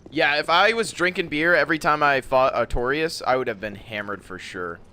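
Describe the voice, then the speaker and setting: A man's voice: fairly high pitch, fairly quick, bright, forceful tone. A man giving casual, sweary gameplay commentary as he plays a video game. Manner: casual, profane.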